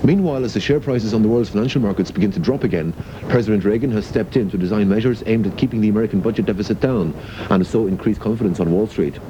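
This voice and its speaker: A man reading a radio news bulletin in a brisk, formal way, heard through a tinny, lo-fi radio. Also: on the low side. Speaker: radio newsreader. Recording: tinny old radio broadcast with clear hiss.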